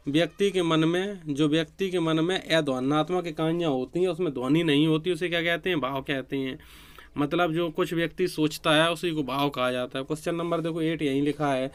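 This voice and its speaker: A man's voice: on the high side, clear, resonant tone. A man teaching a grammar quiz to exam students, repeating each question and answer. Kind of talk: online exam-prep quiz lesson.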